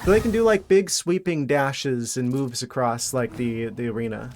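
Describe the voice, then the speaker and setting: A man giving casual, wry gameplay commentary as a streamer, thinking out loud. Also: mid-range voice, normal speed, slight background noise. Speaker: game streamer.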